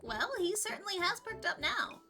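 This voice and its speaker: High, lively giggly woman streamer. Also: normal speed, music in the background. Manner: giggly, chatty, reads game text aloud. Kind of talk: casual live game commentary.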